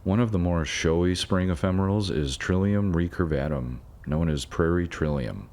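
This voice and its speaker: A man giving a measured, scripted narration of a nature video, with dry asides now and then. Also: low voice, darkish tone. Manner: measured, informative, dry asides about pronunciation.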